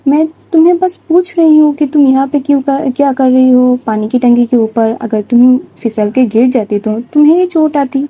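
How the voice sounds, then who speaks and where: A woman's voice: high voice, moderate pace, hardly any pauses, dark tone, breathy edge, poor audio. A woman voicing a caring but bossy young woman who scolds and fusses over someone in a story. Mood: soothing. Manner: scolding, fussing, insistent.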